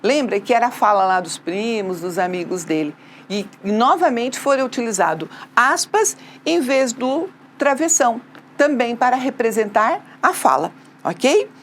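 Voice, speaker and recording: A woman's voice: fairly high pitch, animated, measured pace, a little hiss or hum. A Brazilian woman teaching a remote school lesson, asking the class questions and answering them herself, with frequent tag questions. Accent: Brazilian Portuguese.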